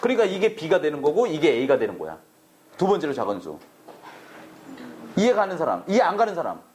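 A man's voice: on the high side, wildly swooping pitch, fairly quick, darkish tone, a little hiss or hum. A man teaching math to a classroom, brash and teasing, swearing at students in a casual way. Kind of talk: classroom lecture.

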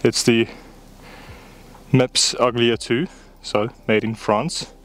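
A young Estonian fishing vlogger chats candidly with viewers while fishing along a riverbank, in a casual outdoor vlog. His medium-pitched voice is steady, slow and fairly bright. A body-worn action camera records him outdoors.

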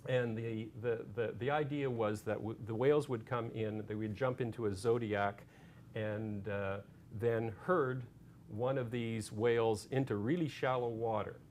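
A man telling a story to an audience, with many "uh"s, stops and restarts as he goes. His voice sits at an ordinary middle pitch. A faint low rumble sits under the recording. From Canada. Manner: halting anecdote, many fillers, gets animated and loud retelling shouts. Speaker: author giving a talk. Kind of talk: storytelling public talk.

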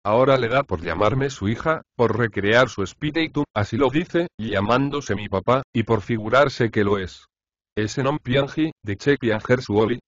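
A man narrating an audiobook, reading letters from a novel in an expressive, measured first-person way. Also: mid-range voice, dry recording. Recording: slightly dull, lo-fi dry recording.

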